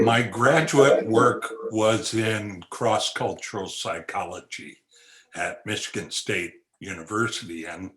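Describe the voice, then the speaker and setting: Low-voiced, slow-talking man, co-host. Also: a bit bright. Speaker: podcast co-host. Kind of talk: self-introduction.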